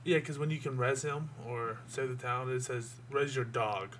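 A man's voice: medium pitch, steady tone, moderate pace, a bit bright, a little hiss or hum. A man answering quiz questions in a casual chat with friends, laid-back and teasing. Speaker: quiz contestant.

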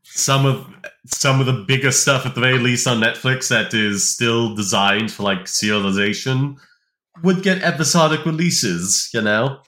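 A man co-hosting a podcast, chatting casually with lots of fillers and quick rambling bursts. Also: medium pitch, sharp tone. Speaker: podcast co-host. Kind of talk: casual chat.

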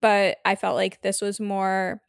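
A woman's voice: medium pitch, level tone, measured pace, gravelly, smooth, no room sound, studio quality. A woman hosting a casual solo podcast from her bed, chatting informally with girly slang. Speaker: podcast host. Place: on a bed indoors.

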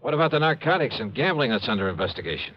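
An actor playing a hard-boiled private investigator, tense and clipped with wry asides, in a 1950s radio detective drama. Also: male voice, medium pitch, very animated, very fast. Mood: exasperated. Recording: dull vintage radio broadcast with music.

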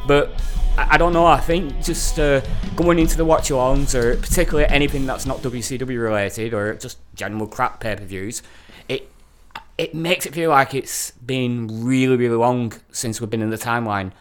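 A man's voice: mid-range voice, moderate pace, a bit bright, soft background music. A man, co-hosting a podcast in casual chat, rambling and swearing a lot. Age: 30s. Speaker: podcast co-host.

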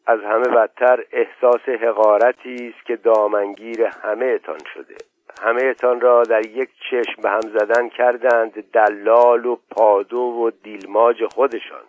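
A man's voice: mid-range voice, flat delivery, close to an everyday voice. A man voicing a proud young landowner who speaks bitterly and defiantly. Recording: dull, dry lo-fi audio.

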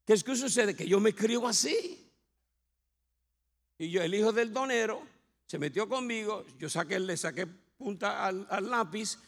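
Puerto rican pastor guy telling his testimony, high gravelly voice, jokes around, big echoey church. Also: fairly bright tone. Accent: Puerto Rican Spanish. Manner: humorous storytelling with acted quotes. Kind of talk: testimony sermon. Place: church sanctuary. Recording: long hall reverb.

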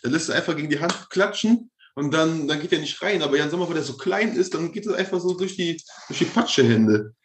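A man's voice: fairly high pitch, lively intonation, a little fast, few pauses, background noise. A man co-hosting a casual football podcast, laid-back and agreeable, often laughing along. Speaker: podcast co-host. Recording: roomy echo.

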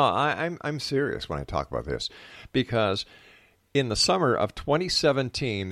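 A man's voice: on the low side, no room sound, studio quality. A man hosting a radio talk show, addressing listeners and introducing segments.

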